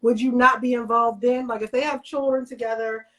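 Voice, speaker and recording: A woman with a fairly high voice co-hosts a casual podcast. She reads listener comments aloud and playfully teases her co-host. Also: fairly even intonation, fairly quick, a bit bright, poor audio.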